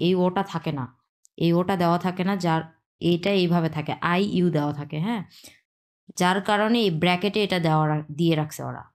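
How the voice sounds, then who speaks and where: A woman teaching a language lesson, repeating each sound slowly to model pronunciation and dropping English words into her explanations. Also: on the low side. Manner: mixes English words into Bengali.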